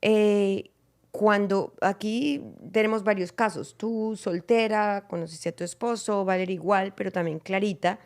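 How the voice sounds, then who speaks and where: Lady hosting a church talk panel, calm and thoughtful, asks her guests stuff. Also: mid-range voice. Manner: reflective, measured questions to guests. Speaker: podcast host.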